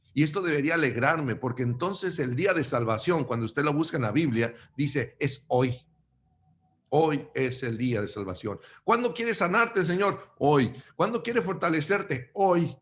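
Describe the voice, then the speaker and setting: Addressing the congregation as brothers, a preacher from Mexico delivers his sermon, shifting from forceful, loud outbursts to hushed, low-voiced asides.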